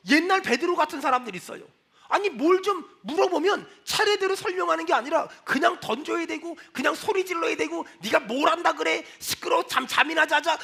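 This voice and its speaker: A male pastor preaching a sermon in a church, animated, acting out quoted lines and rising into shouted prayers. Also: very high-pitched, gravelly. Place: church sanctuary.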